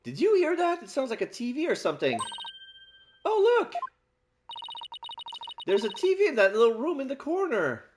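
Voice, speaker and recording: Man doing an excitable, high-pitched young lawyer. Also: slow, breathy edge, exaggerated voice. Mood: excited. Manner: exclaiming, emphatic.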